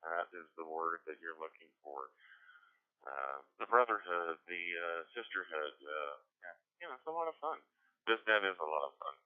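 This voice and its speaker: Deep-voiced man on a tinny radio line. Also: sing-song, normal speed, clear, resonant tone. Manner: folksy and joking, many ums. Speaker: net control operator. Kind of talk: casual radio net chat. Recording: phone-like radio audio.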